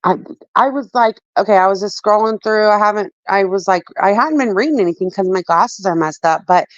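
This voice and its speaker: Laughing frequently and swearing at will, a woman co-hosts a livestream and meanders through gossipy chatter. Her mid-range voice moves a little fast with no room sound, and the stream audio is dull, dry and lo-fi.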